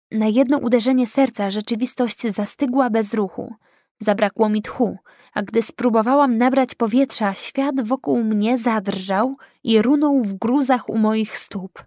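A woman reading a first-person audiobook in a measured, dramatic delivery. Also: fairly high pitch, a little mellow, no room sound, clean studio sound. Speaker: audiobook narrator.

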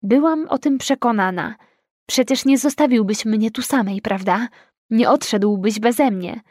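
A woman reading a first-person audiobook in a measured, dramatic delivery. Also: fairly high pitch, a little mellow, no echo, studio quality. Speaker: audiobook narrator.

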